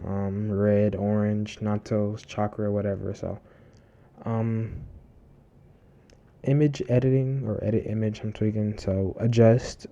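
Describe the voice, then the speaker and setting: A man hosting a screen-recorded tutorial talks casually, rambling with lots of fillers and restarts. His voice is fairly low and warm, and the sound is lo-fi. He's close to his desk mic, which picks up heavy breathing.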